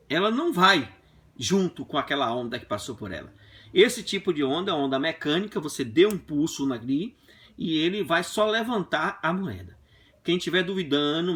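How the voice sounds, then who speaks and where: A man teaching a physics class in a classroom, explaining with playful, animated stories. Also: fairly high pitch. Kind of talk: lively classroom lesson with comic anecdotes. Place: classroom with a whiteboard.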